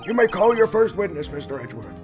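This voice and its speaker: A man acts out a very old courtroom judge from a video game, pitched high and strained. He is solemn and formal, declaiming quickly over music. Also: big pitch swings. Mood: grave. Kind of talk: live voicing of video game dialogue.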